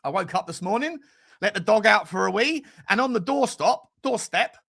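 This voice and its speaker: A British man in his forties hosts a casual football fan livestream, rambling, joking and swearing in slangy chat as he answers comments. His voice is high and a bit bright, with lively intonation, vocal fry and a moderate pace.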